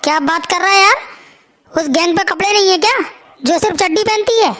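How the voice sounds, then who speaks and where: Cartoon village boy, naive and boastful, very high squeaky voice, excitable and quick to panic; a woman plays him. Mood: puzzled.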